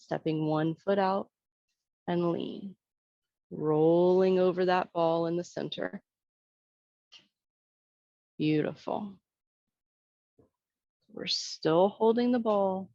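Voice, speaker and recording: A woman instructor giving serene, soothing tai chi cues, gently guiding movement and breath in an unhurried way. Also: fairly low pitch, dry recording, highs cut off.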